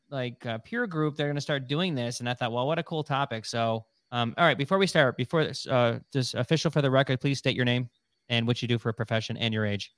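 A man's voice: a little high, a bit bright, no room sound. Chatty middle-aged man with a dry sound. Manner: rambling, chatty, many fillers. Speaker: podcast host. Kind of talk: casual podcast chat.

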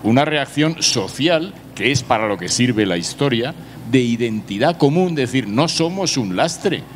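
A man's voice: mid-range voice, animated, a little slow, a little hiss or hum. A man with an accent from Spain thinks aloud in a panel discussion, tentatively rewording his questions. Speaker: discussion participant.

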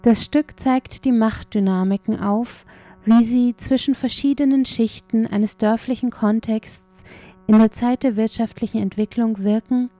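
A woman's voice: a little high, dark tone, no room sound. A woman reading a scripted cultural report as a radio reporter.

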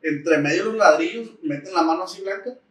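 A man with a Mexican accent tells a story as a guest in a relaxed chat. He talks in loose street slang and acts out every line of dialogue. His voice sits a little high for a man. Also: fairly quick, breathy edge. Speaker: podcast guest. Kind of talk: casual storytelling.

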